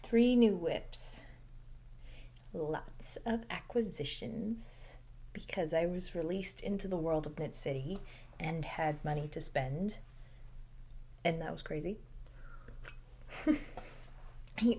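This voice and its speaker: Soft-spoken, half-whispering woman host. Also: low voice. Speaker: knitting podcast host. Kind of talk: casual knitting video podcast. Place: home.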